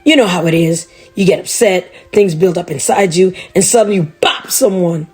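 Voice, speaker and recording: A woman reading a chapter book aloud to children, chatty and animated. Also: fairly low pitch, moderate pace, slightly rough.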